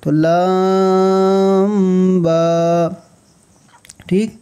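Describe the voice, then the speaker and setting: A man with a Bangladeshi Bengali accent who teaches Quran reading, slowly naming letters one by one and repeating them patiently. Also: high voice, little pitch movement, mellow, smooth.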